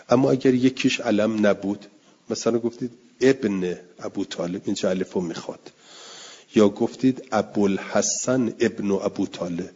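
An older man with a lowish, dark, husky voice gives a religious studies lecture, patiently explaining rules and repeating them through worked examples. The recording is dull and lo-fi, with hall reverb.

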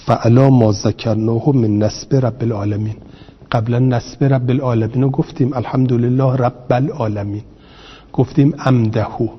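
A man teaching a grammar lesson, speaking slowly, repeating each term and asking his class rhetorical questions. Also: mid-range voice, breathy edge. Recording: reverberant, dull lo-fi recording.

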